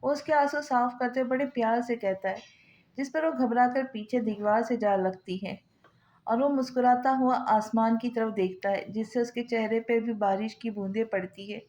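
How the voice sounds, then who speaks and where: A woman narrating a novel in a steady storytelling manner with small slips. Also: fairly high pitch, moderate pace. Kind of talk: novel reading.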